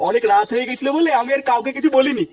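A man's voice: very high-pitched, very fast, darkish tone, a little hiss or hum. A man voicing a hot-tempered, coarse father in a cartoon who scolds and grumbles. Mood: grumbling.

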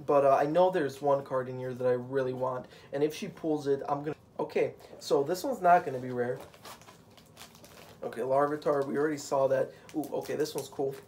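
A man's voice: medium pitch, fairly even intonation, a little fast, a little mellow, a little hiss or hum. A man hosting a casual card-unboxing chat at home on a couch, rambling and joking, with many fillers. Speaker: channel host.

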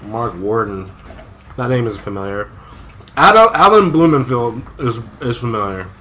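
A man's voice: mid-range voice, very animated, a little slow, sharp tone, a little hiss or hum. A man co-hosting a let's play, joking casually while reading the credits aloud. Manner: joking, reads credit names aloud with asides and laughs. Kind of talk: casual gaming commentary.

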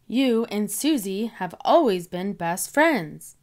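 A woman's voice: medium pitch, expressive, slow pace. A woman voicing a good-humored, chuckling father pig in a storybook. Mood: jolly. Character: jolly, proud father pig.

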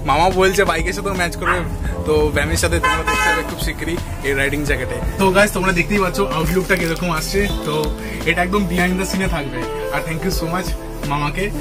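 A chatty young-sounding man talks his viewers through a family visit in a casual vlog. His voice sits a little high, and loud background music plays under it the whole time. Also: steady tone, a little fast. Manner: chatty, addresses viewers as guys, mixes in English words. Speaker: vlogger. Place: family home and shop, indoors.

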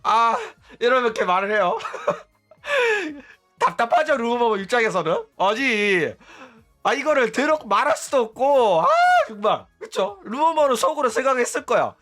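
A man's voice: very high voice, big pitch swings, a little slow, fairly bright tone, faint music behind. A man hosting a commentary channel, ranting bluntly and mockingly and tagging his points with "right?". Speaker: VTuber news channel host.

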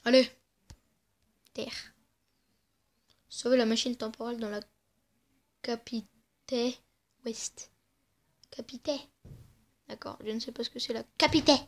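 A woman talks her way through a video game at an unhurried pace. Her voice sits a little high. She teases the enemies with playful trash talk and often drops into soft mutters. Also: fairly even intonation. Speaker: gamer. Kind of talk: casual let's-play commentary.

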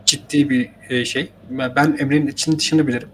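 A man's voice: medium pitch, steady tone, fairly bright tone, a little hiss or hum. A man co-commentating a match, talking hesitantly with fillers and polite address to his partner. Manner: hesitant, fills pauses, polite to co-host. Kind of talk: casual commentary chat.

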